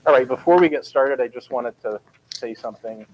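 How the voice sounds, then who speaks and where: A man chairing a school board meeting, laying out the procedure in a steady, procedural way with small restarts, speaking from a board table in a meeting room. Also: medium pitch, a little fast, slight background noise, poor audio. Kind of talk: running a public meeting.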